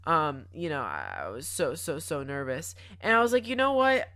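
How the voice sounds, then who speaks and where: A woman's voice: rumbling low, wildly swooping pitch, moderate pace, fairly bright tone. A young woman narrating her gameplay as a comic story, dramatic and mock-panicked, stumbling over her words. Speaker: gaming YouTuber.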